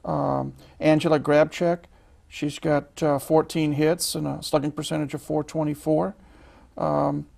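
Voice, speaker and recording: A man's voice: on the high side, level tone, creaky, a little mellow. A man hosting a college sports interview show, reading player statistics with frequent fillers and restarts. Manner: reads stats haltingly with many fillers. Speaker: host.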